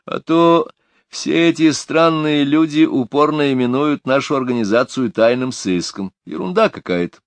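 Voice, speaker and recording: A man's voice: medium pitch, moderate pace, dry recording, pitched above the performer's own voice, close to an everyday voice. A man voicing a sardonic older male boss in an audiobook, with a dry, ironic way of talking. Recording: dry close studio sound.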